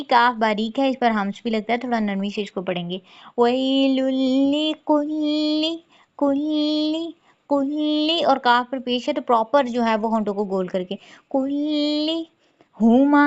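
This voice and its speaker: A woman explains Quran recitation step by step. Her voice sits fairly high. She repeats words slowly, and the recording sounds dull and lo-fi. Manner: patient, repeats words slowly and tags "theek hai". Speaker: Quran tajweed teacher.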